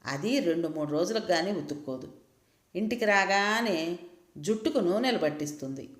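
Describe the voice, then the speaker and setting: Woman narrator, low voice, even scripted story reading, roomy echoey sound. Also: normal speed. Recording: roomy echo.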